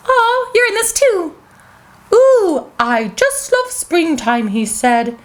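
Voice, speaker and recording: Woman host of a kids' show, high and sweet, slow and unhurried; reads a picture book aloud with bubbly, gasping excitement. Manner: bubbly and childlike, with frequent excited gasps; chatty asides to young viewers.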